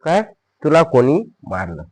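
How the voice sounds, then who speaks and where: A man teaching spoken English, who says each phrase slowly and repeats it. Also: fairly high pitch, very animated, darkish tone, rough recording.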